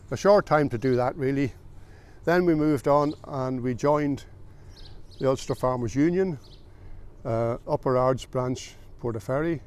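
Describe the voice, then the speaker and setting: An older man from the south of Ireland, a farmer recalling his family's history in a plain, unhurried way with small pauses. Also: mid-range voice, darkish tone, clean tone. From south of Ireland, County Meath. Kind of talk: oral history recollection.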